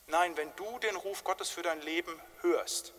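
A man's voice: high-pitched, unhurried, fairly bright tone. A man preaching a sermon in an emphatic, colloquial way, often tagging his points with short questions. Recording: long reverb of a large hall.

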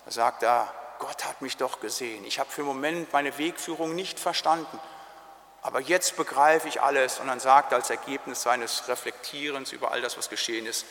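A man's voice: mid-range voice, fairly even intonation, fairly bright tone. Solemn preacher man in a reverberant church. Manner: solemn, slows down on key phrases. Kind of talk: sermon.

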